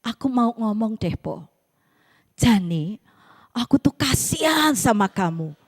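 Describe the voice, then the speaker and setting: A small, caring spinach plant speaks earnestly to its proud neighbour, as a woman preacher puts it on. Its pitying tone moves lively up and down. A long church reverb hangs behind it. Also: a little high, slow pace, husky, heavily acted.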